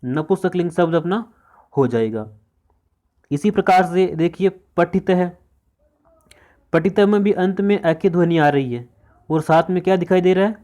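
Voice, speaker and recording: High-voiced man teaching grammar. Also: unhurried, long pauses, mellow. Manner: repetitive, asks and answers his own questions. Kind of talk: exam-prep grammar lesson.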